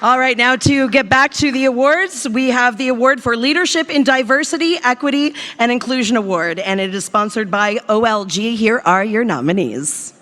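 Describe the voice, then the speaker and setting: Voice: mid-range voice, moderate pace, hardly any pauses, pushed and bright. A co-host of a live awards gala, teasing a partner and introducing an award. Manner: teasing, bossy banter.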